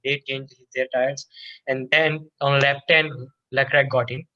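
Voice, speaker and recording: A man's voice: mid-range voice, level tone, measured pace, highs cut off. A man co-hosting a casual race review podcast, chatty, laughing often and restarting his sentences. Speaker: podcast co-host.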